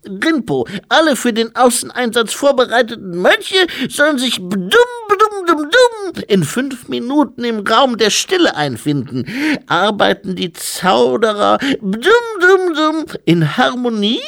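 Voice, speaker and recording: A man voicing an ancient abbot reborn as an infant, whose high speech breaks into baby babble. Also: very animated, measured pace, vocal fry, a bit bright, heavily acted. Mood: excited babbling.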